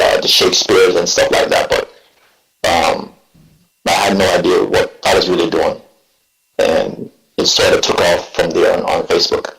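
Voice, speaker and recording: A man in his forties from Jamaica, speaking with a Jamaican accent, telling his story as a guest poet in a reflective, halting way. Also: low-pitched, vocal fry, fairly bright tone. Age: 40s. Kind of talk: relaxed interview talk. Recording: echoey room.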